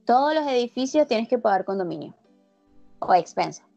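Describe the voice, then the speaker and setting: A woman's voice: on the high side, very animated, moderate pace, vocal fry, mellow, no echo. Chatty woman on a dull, dry line. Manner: chatty, explains at length. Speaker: interview guest. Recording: dull lo-fi audio, faint music.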